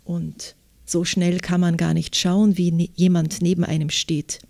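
An Austrian woman author speaks in a measured, reflective way with frequent pauses. Her voice sits low and has a gravelly, fry-laden texture. Its tone is dark and mellow. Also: little pitch movement. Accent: Austrian German. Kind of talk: interview answers and literary reading.

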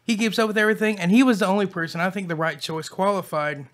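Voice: medium pitch, fairly even intonation, fast. Stammering, earnest hot-sauce show co-host. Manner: repeats and restarts words often, earnest. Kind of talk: casual chat while eating hot sauce.

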